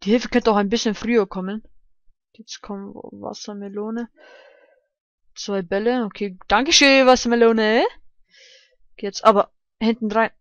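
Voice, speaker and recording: A man commenting casually on a game he is playing, shouting and swearing when he fails and muttering quietly to calm himself down. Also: high voice, measured pace, long pauses, no room sound, dull audio. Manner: excitable, yelps and shouts at failures, swears. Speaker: let's play gamer.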